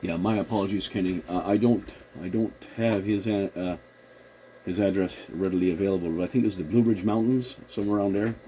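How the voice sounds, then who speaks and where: Speaking fairly quickly in a low, steady voice, a man hosts the contact as a CB radio operator. The talk is casual, agreeable and a touch hesitant, captured on a noisy recording.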